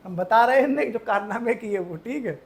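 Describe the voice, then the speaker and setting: Playful, high-voiced male exam-prep teacher. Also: a little fast. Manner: playful storytelling with memory tricks, keeps checking the class; animated, swings between loud emphasis and quiet asides. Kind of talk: online exam-prep lecture.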